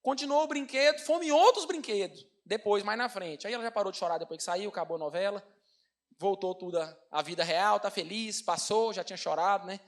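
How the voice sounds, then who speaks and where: High, fast-talking Brazilian preacher. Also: male voice. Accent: Brazilian Portuguese. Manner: animated, addresses congregation as brothers. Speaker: pastor. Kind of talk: storytelling sermon.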